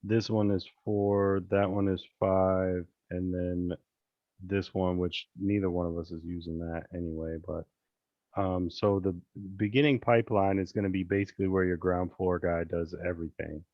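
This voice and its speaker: A man coaching on a casual screen-share call, chatty and relaxed, with many fillers and restarts. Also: sits low, normal speed, no echo, lo-fi sound. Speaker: real estate investing coach. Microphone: video call.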